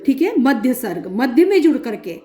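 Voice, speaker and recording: A woman lecturing on linguistics in a methodical way, explaining with many examples and pausing often. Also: sits high, sing-song, dark tone, reverberant. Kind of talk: recorded academic lecture.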